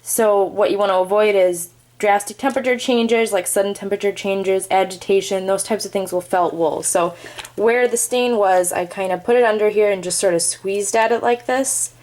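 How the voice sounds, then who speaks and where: A young parent, speaking in a mid-range, slightly mellow voice at a moderate pace, gives an unscripted cloth diapering demo at her kitchen sink. She's chatty and filler-heavy, explaining while she works, though the audio is poor.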